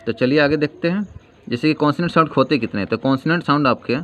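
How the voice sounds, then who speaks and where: A male grammar teacher giving a lesson, asking questions and answering them himself and repeating key terms slowly. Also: on the high side. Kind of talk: classroom-style grammar lesson. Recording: dull lo-fi sound with faint noise.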